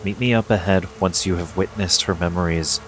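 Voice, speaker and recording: A man's voice: deep voice, fairly even intonation, brisk, slight background noise, rough recording. A man reading video game quest dialogue aloud with casual asides.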